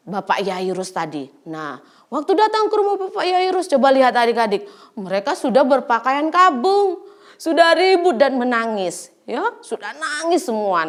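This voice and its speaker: A young woman teaching Sunday school, telling a Bible story to children in an animated way, speaking to them directly and softening her voice for quoted lines. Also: on the high side. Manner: animated, exclaiming often, addressing the children directly.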